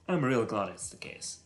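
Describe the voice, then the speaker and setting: A man with a Russian accent works through code on a live stream in a low, unhurried voice. He talks to himself in halting bursts full of filler sounds. He sounds self-conscious about his English. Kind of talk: live coding stream, thinking aloud.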